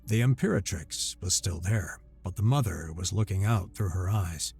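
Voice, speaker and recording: A man narrating a scripted sci-fi romance story in a steady storytelling voice. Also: low-pitched, normal speed, gravelly, slightly rough. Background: faint music.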